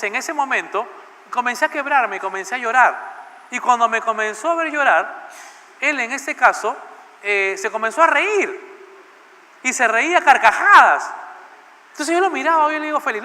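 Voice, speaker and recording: A man's voice: extremely high pitch, pushed and bright. A male pastor telling a personal story in a sermon and putting questions to the congregation, in a church with a long echo. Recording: church hall with long reverb.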